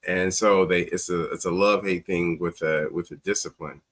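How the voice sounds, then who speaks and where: On a talk show, a teacher shares personal stories as a guest, dramatizing quoted dialogue with emphasis. He speaks at a moderate pace in a low, steady, fairly bright voice.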